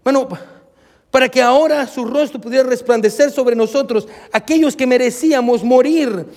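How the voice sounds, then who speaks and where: Pastor guy preaching hard at the church, really high voice, big echoey hall sound. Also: normal speed, darkish tone. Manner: emphatic preaching, addresses the congregation directly. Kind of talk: sermon. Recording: long reverb of a church hall.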